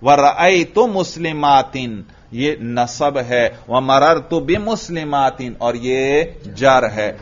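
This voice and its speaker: A man's voice: mid-range voice, expressive. Man teaching grammar, questioning the class. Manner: asks the class questions and answers them himself, repeats key terms slowly. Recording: dull lo-fi recording.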